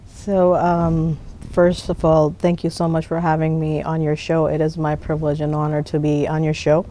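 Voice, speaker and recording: A woman's voice: deep voice, monotone, moderate pace, warm tone, slight background noise. A woman from Pakistan, a guest on a TV interview show, speaking politely with many hesitations.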